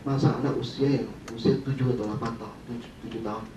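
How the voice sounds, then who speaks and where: A man's voice: medium pitch, fairly even intonation, fast talker, mellow, a little hiss or hum, lightly acted. A man voicing a remorseful father. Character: remorseful father of forty blaming himself. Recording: dull, roomy, from a distant mic.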